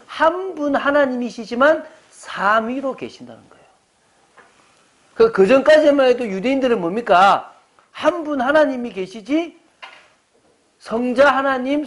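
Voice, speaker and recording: With a very high voice, a pastor in his forties gives a sermon at church. He explains things conversationally and constantly puts rhetorical questions to those gathered.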